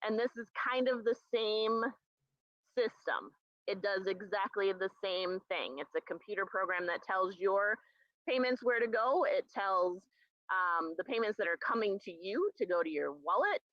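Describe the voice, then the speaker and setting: A woman's voice: mid-range voice, normal speed, no echo. A middle-aged woman presenting as a guest on a live online call, explaining in a conversational way with frequent ums and restarts, heard over a poor internet connection. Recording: muffled lo-fi online call audio.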